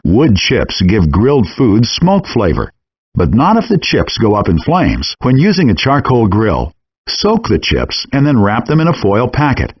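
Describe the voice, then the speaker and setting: A man with a medium-pitched voice narrates a game, reading scripted instructions one step at a time and explaining each clearly. The recording is dry, with the dull, compressed sound of handheld game audio.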